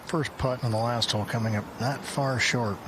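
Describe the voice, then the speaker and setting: A man analyses golf live on commentary. His voice is medium in pitch, with clear outdoor ambience underneath. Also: fairly even intonation, moderate pace, noisy background.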